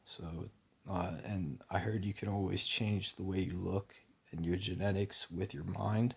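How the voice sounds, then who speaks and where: A man's voice: low voice, flat delivery, unhurried, gravelly, breathy edge. A young man talking in a rambling personal monologue, meandering with many fillers and restarts. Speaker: vlogger.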